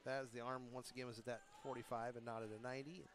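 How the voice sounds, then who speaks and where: Male play-by-play co-commentator, plain mid voice, quick calls. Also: medium pitch, little pitch movement. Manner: short play-by-play calls and agreeing replies. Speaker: wrestling co-commentator. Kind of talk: local sports play-by-play. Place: school gym.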